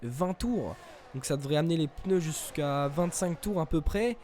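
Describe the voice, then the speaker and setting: High-voiced man doing motorsport commentary. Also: a little hiss or hum. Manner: motorsport commentator delivery, swinging from measured to excited at the action. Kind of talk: live race commentary, esports sim racing.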